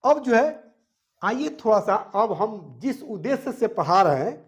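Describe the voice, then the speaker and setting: A man's voice: high voice, big pitch swings, measured pace. A man teaching a grammar lesson to a class, repeating each point and telling the students to write it down.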